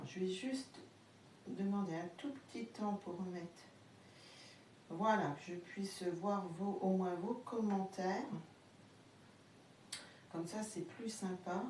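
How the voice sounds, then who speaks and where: A woman's voice: lowish voice, darkish tone. Chatty woman with a Haute-Marne accent. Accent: Haute-Marne French. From France. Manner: chatty, hesitant with many fillers, greets viewers. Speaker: craft live-stream host. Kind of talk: casual live crafting demo. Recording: roomy, distant, faint background hum.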